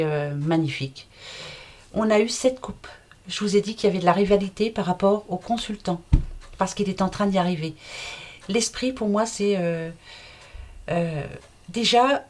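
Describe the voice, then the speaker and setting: A middle-aged woman giving a casual card reading to her viewers, chatty, familiar and reassuring, with everyday slang. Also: on the low side. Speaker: card reader.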